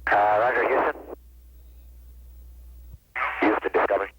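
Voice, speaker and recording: A male shuttle astronaut talking over space-to-ground radio, relaxed and halting, with fillers between words. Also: fairly low pitch. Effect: space-to-ground radio transmission. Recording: muffled, lightly hissy archive radio.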